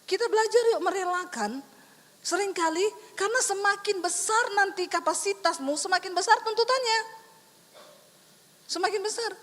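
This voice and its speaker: Animated woman pastor preaching, high voice. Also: normal speed. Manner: animated, teasing, acts out quoted people. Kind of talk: sermon. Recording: long hall reverb.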